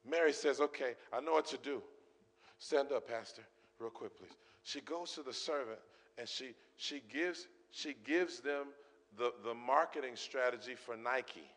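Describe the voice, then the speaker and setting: Male preacher, sermon, emphatic and repetitive, mid pitch, long hall reverb. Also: a little slow, a bit bright. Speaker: guest preacher.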